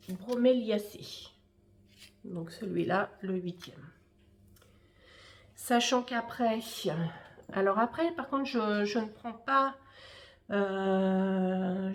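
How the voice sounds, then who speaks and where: A woman's voice: mid-range voice, a little mellow. A woman hosting a knitting podcast, chatting casually and hesitantly with many fillers while showing her work. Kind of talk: casual show-and-tell chat.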